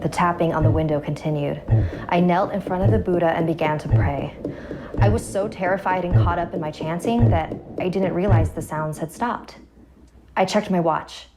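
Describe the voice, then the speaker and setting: A woman's voice: lowish voice, moderate pace. A woman narrating a scripted first-person horror story, with music behind her voice.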